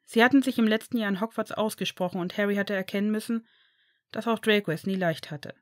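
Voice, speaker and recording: A woman reading a fan fiction story aloud in an even storytelling manner. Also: mid-range voice, fast, no room sound, studio quality. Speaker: audiobook reader.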